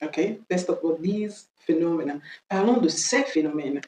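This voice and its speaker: A woman's voice: lowish voice, a little mellow, echoey room, low-quality recording. A woman teaching English in French who drills each word by repeating it several times. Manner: slow, drills words by repeating them. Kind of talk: French-language English lesson.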